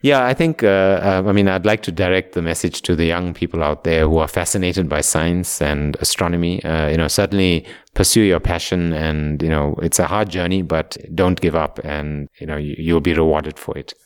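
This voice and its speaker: A male professor with a very low, smooth and resonant voice gives interview answers. He speaks thoughtfully and fills his pauses with small hesitations. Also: steady tone. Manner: thoughtful, many fillers like uh and you know.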